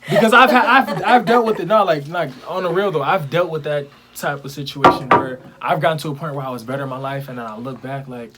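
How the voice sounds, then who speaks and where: A man's voice: medium pitch, quick pace, hardly any pauses, rough recording. A young man in a casual chat, talking things through earnestly and reflectively. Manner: reflective, earnest, sometimes laughing loudly.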